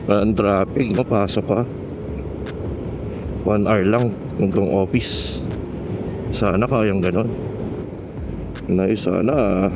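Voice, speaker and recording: Riding outdoors through city traffic, this Filipino man vlogs from his motorcycle in a fairly low voice over background noise. He keeps it casual, joking and full of slang, slipping into English now and then.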